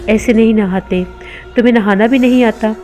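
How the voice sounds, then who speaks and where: A worried man, patient and sometimes scolding, speaks in a storybook horror tale, read by a woman. The voice is warm and low-keyed, with faint music behind it. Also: steady tone, normal speed, lightly acted. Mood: puzzled.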